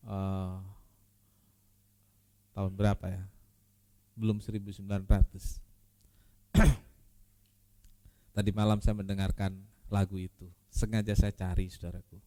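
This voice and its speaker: A man preaching a sermon as pastor, repeating key phrases and swinging from loud emphasis to quiet, intimate asides. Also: on the low side, level tone, measured pace, pauses often, clear, resonant tone.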